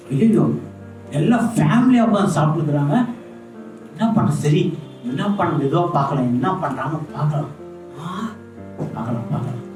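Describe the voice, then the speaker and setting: A sly devil puppet plots slowly to himself, voiced by a woman, his mutter sinking to a hush. The sound is very echoey and picked up from a distance, with faint music behind. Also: on the low side, close to an everyday voice. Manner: slow, muttering, sinking to a hushed voice. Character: sly scheming devil plotting against children. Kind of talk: church puppet show. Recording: echoey hall, distant mic, background music.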